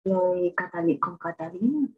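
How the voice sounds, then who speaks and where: A woman chats casually before class, spilling gossip in an animated storytelling way. Her voice has a slightly husky edge. The call audio is muffled and lo-fi. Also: on the low side, moderate pace. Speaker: law student.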